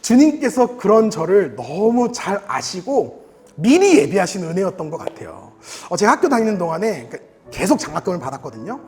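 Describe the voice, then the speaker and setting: Lively high-voiced man preaching in a hall. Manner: animated storytelling, acting out his younger self, laughing. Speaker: pastor. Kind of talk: sermon with personal story. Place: church sanctuary. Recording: reverberant church hall.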